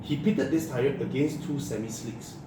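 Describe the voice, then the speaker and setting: A man's voice: mid-range voice, normal speed. A middle-aged man with a Malaysian accent chats casually as a car show host, emphatic, repeating phrases and asking rhetorical questions. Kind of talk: casual enthusiast chat. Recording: echoey room, distant mic, clear background noise.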